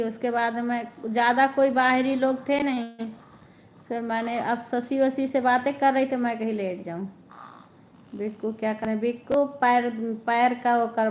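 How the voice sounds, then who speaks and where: A woman's voice: on the high side, a little hiss or hum. A woman, chatting casually with viewers on a live stream from home, homely and repetitive. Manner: chatty, homely, repeats herself. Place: at home, lying down.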